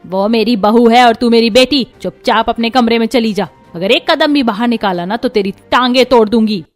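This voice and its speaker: A woman voicing a strict but caring middle-aged mother-in-law in an animated story, firm and scolding. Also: on the high side, fairly quick, soft background music.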